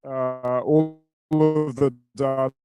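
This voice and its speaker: A man's voice: medium pitch, flat delivery, takes it slowly, over music. A man moderating a panel discussion at a busy conference pavilion, casual, with many fillers.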